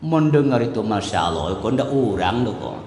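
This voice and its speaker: A man's voice: lowish voice, very animated, normal speed, a little mellow. A male imam preaching a storytelling sermon, speaking directly and animatedly to his congregation. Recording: echoey hall reverb.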